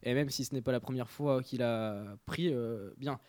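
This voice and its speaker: A man's voice: medium pitch, normal speed, a little mellow, no room sound. A young man presenting a radio column in casual talk, hesitant and full of fillers.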